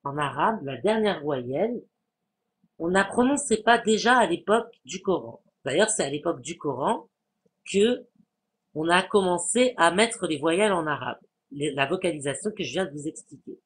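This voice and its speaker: A man giving a language lesson, patiently explaining and repeating sounds and words to demonstrate them, with some hesitant pauses. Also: fairly high pitch, animated, a bit bright, breathy edge. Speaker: Arabic language teacher.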